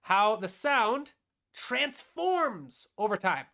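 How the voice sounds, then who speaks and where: Woman tutor, mid-pitched voice, talks through each step of a live music-production lesson, faint music under her. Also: very animated, extremely slow, sharp tone. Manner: explanatory, walks through steps as she demonstrates; asks and answers her own questions. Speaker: composer and music teacher.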